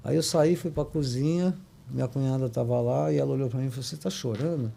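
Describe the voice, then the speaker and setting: Older Brazilian man, guest storyteller; low gravelly tone, halting delivery with frequent tag questions. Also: dark tone, a little hiss or hum. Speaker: podcast guest. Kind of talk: emotional personal storytelling.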